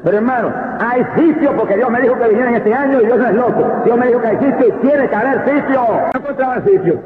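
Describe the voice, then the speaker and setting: A man preaching a fervent Pentecostal sermon, swinging between slow drawn-out emphasis and quick bursts. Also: extremely high pitch. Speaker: evangelist preacher. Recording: tinny lo-fi recording in a reverberant hall.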